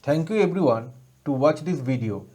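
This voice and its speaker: A slight hiss or hum runs under a fairly high, darkish and animated male voice at a moderate pace. He's a lecturer with an Indian accent presenting a formal, scripted electronics lesson in a recited textbook style.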